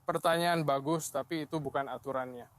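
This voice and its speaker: A man's voice: fairly high pitch, steady tone, brisk, fairly bright tone, clear, resonant tone, no room sound, clean studio sound. A man speaking as a police officer, giving terse, professional replies to someone he has detained. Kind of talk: terse exchange with a detained person. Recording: noisy ambience at a police stop.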